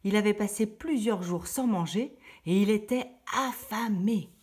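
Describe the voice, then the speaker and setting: A woman reading a children's story aloud in a lively, expressive way. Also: medium pitch, a little slow, slightly rough.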